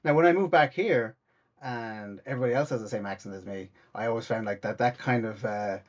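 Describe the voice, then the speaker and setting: In a casual interview chat, a comedian in his thirties with an Irish accent wanders through his points, restarting often and performing the voices he quotes. His pitch is medium and his pace fairly quick, though the audio sounds dull.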